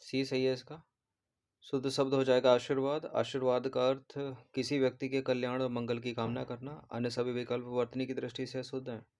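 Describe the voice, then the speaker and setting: Male tutor, steady monotone delivery, patient, repeats each word while walking through answers. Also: medium pitch, fairly quick. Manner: repeats words, corrects spellings patiently. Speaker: exam prep teacher. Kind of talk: explaining test answers.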